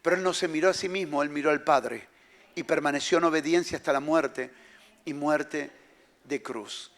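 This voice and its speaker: High-voiced emphatic male preacher. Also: normal speed, a bit bright. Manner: emphatic, repeats key phrases. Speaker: pastor. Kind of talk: sermon.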